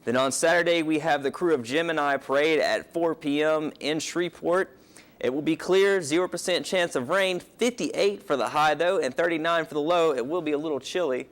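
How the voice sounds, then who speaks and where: A young man giving a weather report for a student news show, relaxed and informal. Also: a little high, moderate pace.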